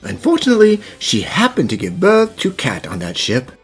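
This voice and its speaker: A man voicing a composed, thoughtful gentleman professor who explains things formally in an animated fan dub. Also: a little high, normal speed, husky, faint music behind, exaggerated voice. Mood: grave. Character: gentlemanly puzzle-solving professor, thoughtful, devoted father.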